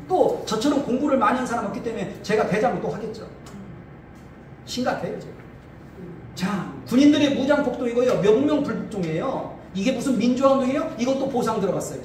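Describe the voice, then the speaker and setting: Male pastor from Chungcheong, combative lecturer, pitch swings widely, captured from afar in a very echoey hall with faint noise. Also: recorded from a distance. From Chungcheong, Korea. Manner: combative, rhetorical questions, repeats phrases. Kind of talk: political lecture to an audience.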